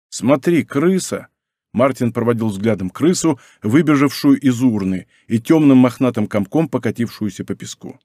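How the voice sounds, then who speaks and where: A man narrating an audiobook in a steady, even reading voice. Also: medium pitch, no room sound, clean studio sound.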